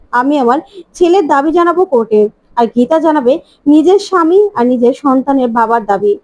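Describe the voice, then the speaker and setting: A woman's voice: high-pitched, a little mellow, dry recording. A woman reading the lines of an older father who talks insistently and emphatically, repeating his points. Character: older determined father-in-law.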